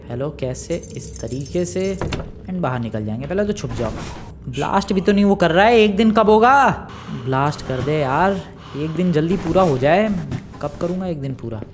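A man giving lively, chatty commentary on his own gameplay, talking straight to his viewers. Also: on the high side, background noise. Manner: excitable, chatty, talks to viewers as "bhai" and "guys". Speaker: gaming YouTuber.

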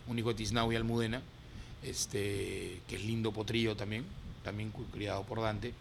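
A man's voice: medium pitch, a bit bright, a little hiss or hum. A man with a Peruvian Spanish accent, a racehorse owner chatting as a studio guest, talking in an emotional, rambling way full of fillers. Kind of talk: casual studio chat.

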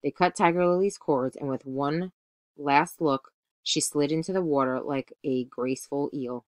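A woman teacher reading a children's story aloud, expressive, now and then correcting a slip. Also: sits low, moderate pace, dry recording. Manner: expressive, occasional self-corrections.

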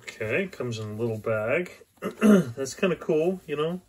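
A man's voice: on the high side, animated, a little slow, slightly rough, rough recording. A man hosting a casual watch unboxing and review, thinking aloud with frequent fillers.

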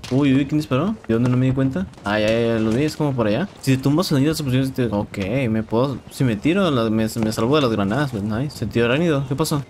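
A young man with a Mexican accent giving casual, excitable commentary while playing a shooter game, swearing and repeating words. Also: mid-range voice, fast, few pauses. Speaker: gameplay streamer. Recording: game sounds and noise in background.

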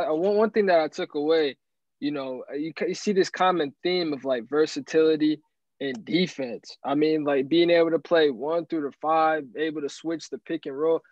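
Man with a somewhat high voice, lo-fi recording. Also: dry recording. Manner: animated, rambling with restarts. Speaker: guest analyst. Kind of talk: casual sports talk. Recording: dry, dull lo-fi sound.

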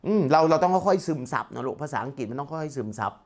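A man tutoring English one-on-one, explaining in Thai and reading English slowly and carefully, with steady encouragement. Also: on the high side.

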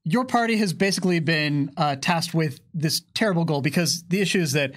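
A man in his thirties, a game developer co-hosting a tabletop rules demonstration, explains the rules in a casual, conversational way. His voice is a little high and a little fast. He sits at a table in a small curtained studio, recorded on a boom-stand microphone.

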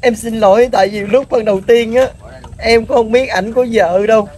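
A woman's voice: fairly high pitch, steady tone, moderate pace, a little mellow, husky. A young woman playing a tearful, stammering mistress. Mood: pleading. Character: ashamed young mistress, begging forgiveness. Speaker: daughter accused of being a mistress.

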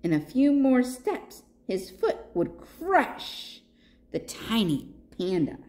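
A woman librarian reading a picture book aloud to children in an expressive way, pausing to ask her listeners questions. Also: a little high.

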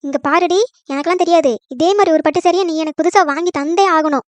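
A woman's voice: extremely high pitch, dry recording. A woman voicing a short-tempered mother-in-law in a cartoon comedy, scolding and indignant. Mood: angry scolding. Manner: scolding, indignant, fast-talking when angry.

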